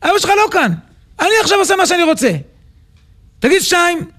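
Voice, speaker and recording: A man's voice: extremely high pitch, fairly bright tone, voice pushed up. A man voicing a strict royal tutor who speaks firmly and commands. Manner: firm, commanding.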